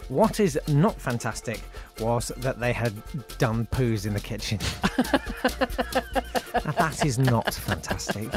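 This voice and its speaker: A man hosts a live talk radio show from the studio, joking and teasing his co-host. His voice sits at a middle pitch but jumps around a lot as he plays up the gags. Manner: jokey, teasing, playful.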